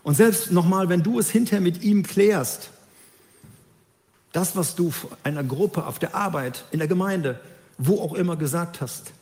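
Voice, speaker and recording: A man preaching a sermon, emphatic and lively, who acts out the voices of the people he quotes. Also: sits high, a little slow, long reverb tail.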